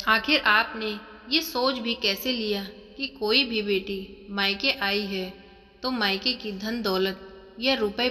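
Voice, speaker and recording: A woman's voice: mid-range voice, sharp tone, big-room sound. A woman voicing a hurt, earnest young married daughter who speaks in a reproachful, sincere way, in a storybook reading.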